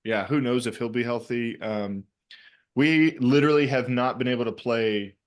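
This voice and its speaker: A man's voice: medium pitch, normal speed. A man co-hosting a casual soccer podcast over a video call, rambling with lots of fillers and restarts. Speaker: podcast co-host.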